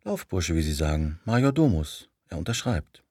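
A composed, reserved hotelier who keeps his answers short and calm, played by a male audiobook reader. His low voice is a little husky. The sound is close and dry. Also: normal speed, no echo, full character voice.

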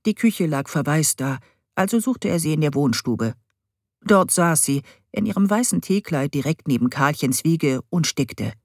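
A woman reads a story aloud in a lively, expressive way. Her pitch moves a great deal from line to line. The recording is dry and close. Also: moderate pace, no echo. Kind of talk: storybook reading.

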